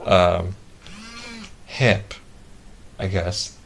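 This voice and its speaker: A man giving a casual product demonstration as a reviewer, speaking haltingly and often repeating and restarting his phrases. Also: low voice, flat delivery, a crowd in the background. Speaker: toy reviewer. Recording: clearly noisy home-video recording.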